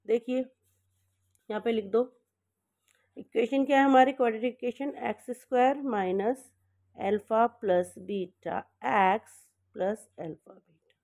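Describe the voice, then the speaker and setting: A woman with a fairly high voice teaches a maths lesson one step at a time. She keeps checking in with her students and corrects her own slips as she goes. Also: measured pace, a little mellow.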